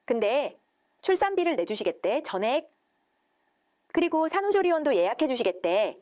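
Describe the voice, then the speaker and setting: A woman voicing a soft-spoken young husband. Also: high voice, sing-song, normal speed, no echo, clean studio sound. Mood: gentle.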